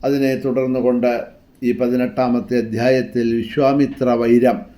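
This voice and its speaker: Slow, flat-voiced man giving devotional discourse. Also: medium pitch. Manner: chants Sanskrit verses slowly, then explains in measured speech. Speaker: religious discourse speaker.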